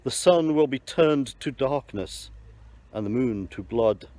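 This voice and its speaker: A man's voice: mid-range voice, expressive, measured pace, darkish tone, no echo, close to an everyday voice. Man reading bold apostle, earnest proclaiming, dry close sound. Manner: earnest proclaiming, with small slips. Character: Peter, bold male apostle addressing a crowd. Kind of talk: church Bible reading in parts.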